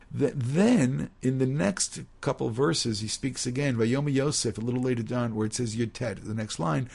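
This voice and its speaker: Guy teaching a text class, gravelly kinda husky voice, reads hebrew bits then explains, lots of you-knows. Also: mid-range voice, a little mellow. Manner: reads Hebrew sources aloud, then explains, with many restarts and "you know". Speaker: Torah teacher. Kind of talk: text-based class lecture.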